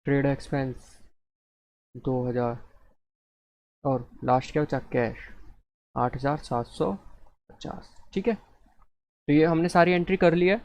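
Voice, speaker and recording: A man's voice: medium pitch, fairly even intonation, slow, pauses often. A man teaching an accounting lesson, reading sums aloud and asking and answering his own questions. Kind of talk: screen-recorded lesson.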